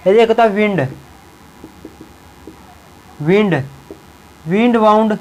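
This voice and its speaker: Young male teacher with a high voice who repeats key words and keeps checking in with the class. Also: slow, darkish tone, low-quality recording. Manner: repeats words and tags lines with a check-in phrase. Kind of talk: classroom lesson explaining English verbs in Hindi.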